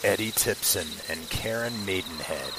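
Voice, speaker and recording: An actor playing a gruff, weary middle-aged police commander in an audio drama, curt and sardonic like an old-time beat cop. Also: male voice, sits low, lively intonation, normal speed. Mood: stern. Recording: noisy night ambience with chirping crickets.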